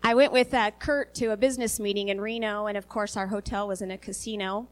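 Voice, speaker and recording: A woman giving an earnest church sermon, a little sniffly from a recent virus and halting at times with fillers. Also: mid-range voice, fairly even intonation. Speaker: lay preacher.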